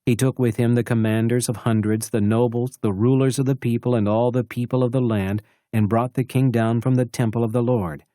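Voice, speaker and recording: A man reading scripture aloud in a slow, measured, carefully pronounced studio narration. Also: medium pitch, fairly even intonation, dark tone, no room sound. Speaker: Bible reader.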